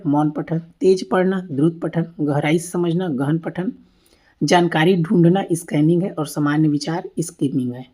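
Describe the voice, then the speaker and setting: A woman teacher with a lowish, dark-toned voice gives an exam-prep lecture over slides. She often asks questions and then answers them herself, repeating the key points.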